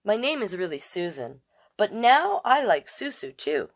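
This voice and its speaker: A woman with a mid-range voice hosts a children's storytime, speaking a little slowly with big swings in pitch. She chats directly with viewers and reads picture books aloud in a casual way.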